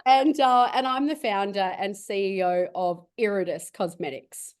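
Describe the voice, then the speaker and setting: A woman's voice: medium pitch, a little slow, a little mellow, clean tone. A middle-aged woman, a cosmetics business founder, telling a rambling story in a casual interview and laughing often. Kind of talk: casual video-call interview.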